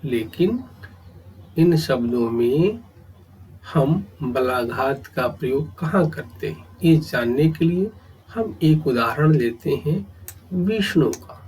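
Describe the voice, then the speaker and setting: Slow, deliberate male grammar teacher. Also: on the high side, animated, a little mellow, slight background noise, poor audio. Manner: speaks in short phrases with long pauses, repeating key terms.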